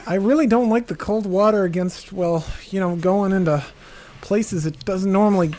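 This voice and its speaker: A man's voice: high-pitched, normal speed, a little mellow, close to an everyday voice. A man playing a timid, awkward young diver who stammers and whines, in a comedy sketch. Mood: sheepish. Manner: stammering and whiny.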